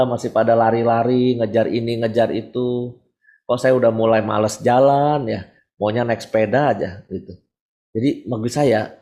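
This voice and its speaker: A man's voice: medium pitch, darkish tone. A man in his forties, a priest giving a frank, conversational sermon to a congregation with everyday examples. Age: 40s.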